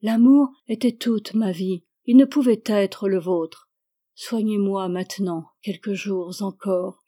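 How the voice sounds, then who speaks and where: A woman reads the part of a feverish, heartbroken young woman who pleads slowly and tenderly. Her voice is mellow and warm, not shrill, and each line comes from a storybook reading. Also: fairly even intonation. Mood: pleading.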